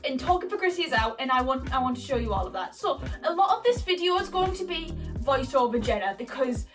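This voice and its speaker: A woman hosts a casual, chatty vlog about audio production, rambling, halting, and frequently interrupting herself. Her voice is high-pitched with big pitch swings and a fairly bright tone, picked up by a distant mic with faint music behind.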